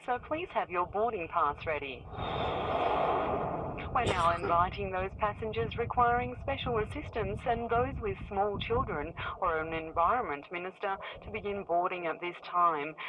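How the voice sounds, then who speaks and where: A performer voicing a polite airport gate announcer, speaking calmly and formally over a terminal intercom. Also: medium pitch, highs cut off, slight background noise. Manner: calm, formal announcement delivery. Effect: airport public-address announcement over the intercom.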